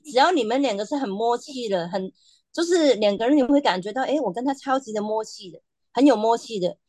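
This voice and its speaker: A woman chatting as a podcast guest, telling her own story with animated quoted asides. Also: a little high, no echo. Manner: animated storytelling, quoting others in quick asides. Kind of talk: casual chat.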